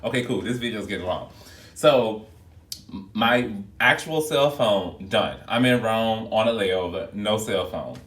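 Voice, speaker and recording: A man's voice: on the low side, measured pace. Chatty man on echoey phone video. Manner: chatty and expressive, addresses viewers as y'all. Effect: recorded on a phone video. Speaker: flight attendant vlogger. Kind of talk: casual vlog chat to viewers. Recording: echoey room, phone mic held back at a distance.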